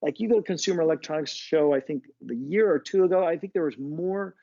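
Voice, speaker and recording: An American man who teaches at a business school talks through ideas in a casual podcast interview, thoughtful yet full of fillers and restarts. His slightly high voice is gravelly and mellow at a quick pace, recorded with no room sound and the highs cut off.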